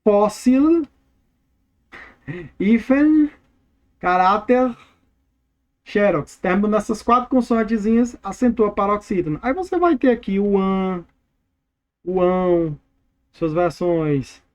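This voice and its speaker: A Brazilian man teaching an exam review lesson, energetic and playful, drilling words by repeating them. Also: high-pitched, unhurried. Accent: Brazilian Portuguese.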